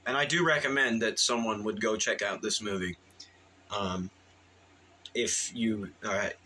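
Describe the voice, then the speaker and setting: A man's voice: fairly low pitch, steady tone, unhurried, pushed and bright, slight background noise, poor audio. A man giving a casual, rambling movie review, full of fillers and restarts and eager in tone.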